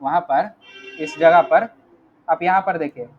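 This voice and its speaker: A man's voice: a little high, a little slow, muffled recording, soft background music. A man teaching an Arabic grammar class online, patiently walking students through each word and often checking whether they follow.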